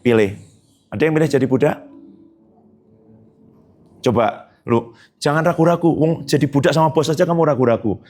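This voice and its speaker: A man preaching a sermon as pastor, lively, asking the congregation questions and joking with them. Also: mid-range voice, normal speed, pauses often. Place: church hall.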